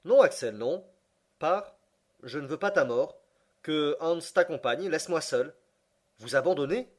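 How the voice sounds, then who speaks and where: A man voicing a stern, obstinate older professor in an audiobook, in a forceful, commanding way. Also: fairly high pitch, animated, measured pace. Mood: fierce. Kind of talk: audiobook character reading.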